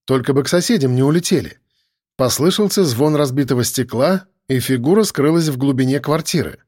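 A man narrating a first-person audiobook in a brisk, wry storytelling manner. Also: medium pitch, a little mellow, no room sound, clean studio sound.

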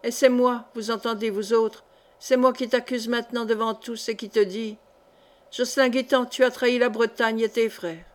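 A woman reads a young peasant clog-maker turned fierce orator, his speech solemn and swelling into loud accusation, pitched a little high. He hammers his charges at a hushed crowd in a storybook reading. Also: fairly even intonation, normal speed, close to an everyday voice. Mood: accusing.

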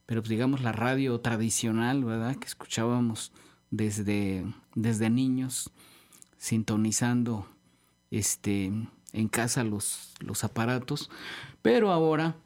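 A Mexican man hosts a radio program from a studio microphone, easygoing and talkative. He rambles, circles back on his words and fills pauses as he goes, at an ordinary middle pitch. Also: a little mellow. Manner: chatty, rambling, with many fillers and restarts. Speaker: radio host. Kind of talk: relaxed studio radio chat.

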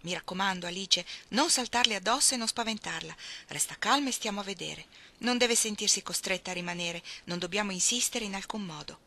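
A gentle, cautious older father offers calm reassurance, as a woman reading a novel aloud puts him on. Her voice stays bright and clear. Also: medium pitch, fairly quick.

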